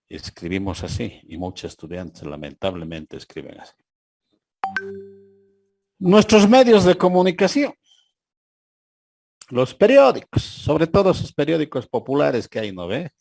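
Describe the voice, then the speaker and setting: A man lectures a university class online over a video call, his voice pitched on the low side. He takes his time and reads examples aloud slowly, poking fun at their mistakes. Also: creaky, darkish tone, no room sound.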